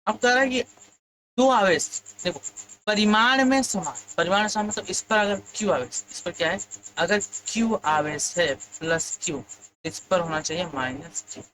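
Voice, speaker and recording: A man's voice: sits high, normal speed, noisy background. A male physics teacher leading an exam lesson. He keeps asking his students questions and then answers them himself.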